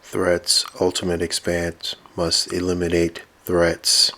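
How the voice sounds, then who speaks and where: A man voicing a single-minded male combat robot in a flat, mechanical monotone. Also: low voice, slow, exaggerated voice. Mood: menacing.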